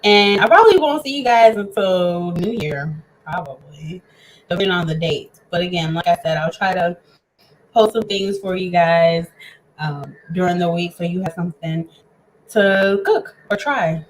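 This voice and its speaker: A woman's voice: lowish voice, normal speed, slight background noise, poor audio. A woman hosting a casual home cooking show, chatting eagerly with her viewers as friends while she eats with her mouth full. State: eating, talking with mouth full.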